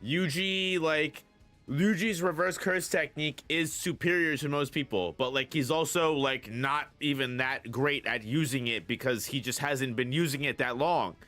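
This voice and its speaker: A man's voice: a little high, moderate pace, pushed and bright, soft background music. A young man hosting a casual anime discussion, rambling with lots of fillers and restarts. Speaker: channel host.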